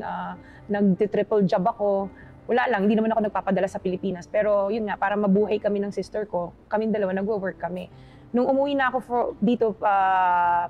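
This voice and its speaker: A woman's voice: medium pitch, muffled recording. A woman in her forties, a guest in a television interview, talking chattily and mixing in English phrases. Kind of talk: casual conversational interview.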